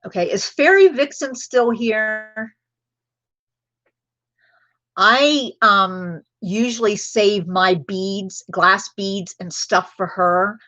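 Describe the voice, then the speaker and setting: Slow, chatty woman hosting a live sale. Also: mid-range voice, pushed and bright, dry recording, rough recording. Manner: chatty, drifts into personal stories between items. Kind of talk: casual live-stream selling chat.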